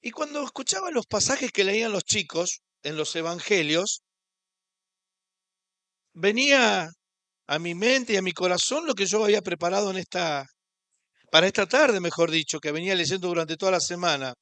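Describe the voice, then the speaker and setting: A man's voice: high voice, animated, brisk, sharp tone, no room sound. A man with an Argentine Spanish accent preaching a sermon as a pastor in a church, impassioned and rising on his rhetorical questions.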